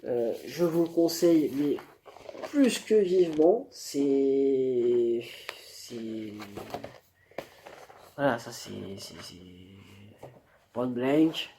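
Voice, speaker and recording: Slow, hesitant man reviewing to camera. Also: mid-range voice, warm tone, a little hiss or hum. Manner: hesitant, many fillers and restarts. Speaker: vlogger reviewing a book. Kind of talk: spontaneous face-camera review. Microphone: camera mic.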